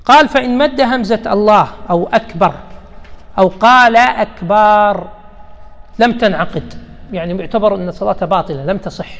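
A man's voice: sits high, quick pace, fairly bright tone. A man giving a religious lesson. He explains a text patiently and repeats the key terms. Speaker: religious teacher. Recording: long hall reverb.

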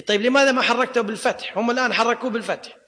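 In the long reverb of a lecture hall, a man teaching Islamic law and grammar delivers a classroom lecture in an extremely high, pushed, bright voice at rapid-fire speed. He quizzes his students and repeats the key points.

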